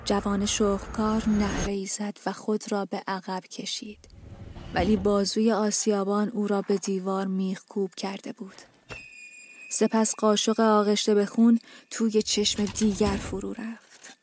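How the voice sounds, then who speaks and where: A woman narrating an audiobook, reading a novel in an even, measured, subdued way over soft music. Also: medium pitch, slight background noise.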